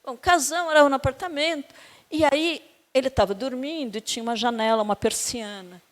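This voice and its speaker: A middle-aged woman with a Brazilian Portuguese accent, giving a university lecture on education and telling personal anecdotes. She tells her stories in an animated way and acts out the quoted dialogue. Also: sits high, a little fast. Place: lecture hall. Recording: long hall reverb.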